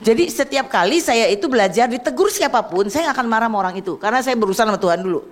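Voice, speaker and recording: A woman evangelist preaching a sermon, emphatic and lively, often asking her congregation to agree, dropping to a soft voice for prayers. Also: on the high side, racing. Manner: acts out prayers and quoted speech in a softer voice.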